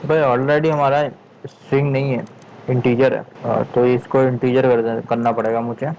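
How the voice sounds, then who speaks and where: Male coding tutor, casual and deliberate, thinks aloud, lo-fi recording with faint hiss. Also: mid-range voice, level tone, vocal fry, darkish tone. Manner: thinks aloud, frustrated muttering "yaar", frequent "theek hai"; speaks slowly on purpose.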